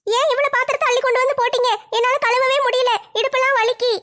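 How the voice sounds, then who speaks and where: A woman's voice: very high-pitched, little pitch movement, fast, pushed and bright, voice pushed up. A woman voicing a young, apologetic sister-in-law in a comedy family skit. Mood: surprised. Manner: pleading, apologetic.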